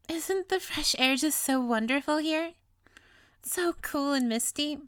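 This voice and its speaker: Gleeful and proud, a woman voices a sweet, playful, possessively lovestruck young witch in an intimate audio roleplay. She speaks in a high, slightly bright voice, taking it slowly, with coy, doting, theatrical delivery.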